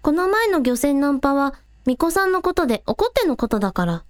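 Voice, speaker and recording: In an amateur radio drama, a woman plays a plucky, practical young villager, speaking casually and matter-of-factly. Her voice sits high, sing-song and fairly quick, with a pragmatic, resigned mood.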